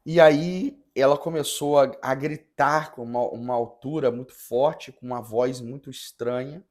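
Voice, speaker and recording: A man who is a parish priest, telling a story in a podcast conversation with an earnest, halting manner and many restarts. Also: medium pitch, steady tone, a little mellow.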